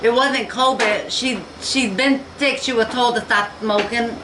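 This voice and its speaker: A woman talking in a halting, tearful way and repeating herself, near tears, in a home vlog. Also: fairly high pitch, steady tone. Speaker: vlogger. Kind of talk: emotional personal vlog. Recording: echoey room with faint noise.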